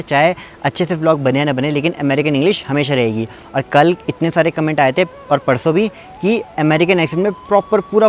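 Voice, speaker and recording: A man's voice: fairly high pitch, a little hiss or hum. A young man from Uttarakhand talks casually to his viewers in a travel vlog, chatty and sometimes tripping over his words. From Uttarakhand, India. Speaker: vlogger. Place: outdoors in a mountain valley.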